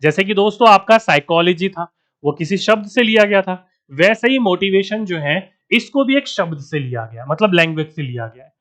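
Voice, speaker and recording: Brief: a man as a high-pitched Hindi coaching teacher with a faint Bihari accent, quizzing his class as he goes. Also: animated, normal speed, a bit bright. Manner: addresses students as friends, asks and answers his own questions. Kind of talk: online exam-prep lecture.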